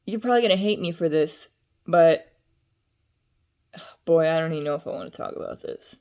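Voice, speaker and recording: A woman's voice: deep voice, fairly quick, darkish tone. A young adult woman vlogging to camera in a rambling, chatty way, drifting between topics with frequent fillers. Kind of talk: casual talk to camera.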